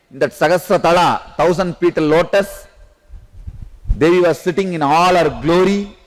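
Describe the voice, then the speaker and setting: A South Indian man, a spiritual teacher, telling a personal story in a discourse, laughing now and then and phrasing slowly. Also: high-pitched. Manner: laughs while telling stories, slow deliberate phrasing.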